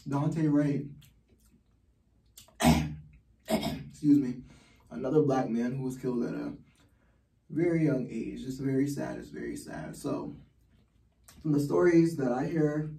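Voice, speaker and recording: A man's voice: medium pitch, creaky, mellow, recorded from a distance. A man giving heated, blunt personal commentary as a vlogger, swearing often. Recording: roomy echo, from the mic.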